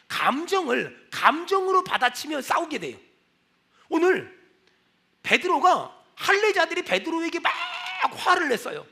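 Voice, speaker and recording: A male pastor preaching a sermon in a church, animated, acting out quoted lines and rising into shouted prayers. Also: very high voice, vocal fry. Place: church sanctuary.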